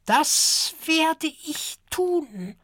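A croaky, hoarse ancient she-turtle, as a male narrator puts her on, pitched up high and drawn out very slowly. She murmurs with an old lady's curiosity in a children's audiobook. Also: expressive, a bit bright, no room sound, clean studio sound, heavily acted. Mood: gentle. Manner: slow, murmuring old-lady voice.

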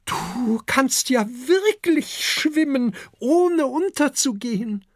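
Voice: high voice, expressive, slow, dry recording, studio quality, voice pushed up, heavily acted. A storyteller voicing Adele, an anxious, overprotective mother dragon, crying out shrilly in a children's audiobook. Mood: panicked, amazed.

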